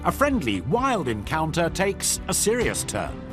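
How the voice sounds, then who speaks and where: A man's voice: a little high, wildly swooping pitch, measured pace. A man reading scripted nature documentary narration with dramatic storytelling. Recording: loud music bed under voice. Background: music.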